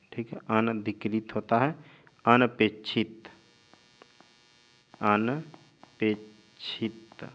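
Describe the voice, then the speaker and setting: A male teacher giving a spelling lesson, drawing out each word slowly and answering his own questions. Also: on the low side. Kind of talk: spelling lesson while writing on a board. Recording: dull lo-fi recording with mains hum.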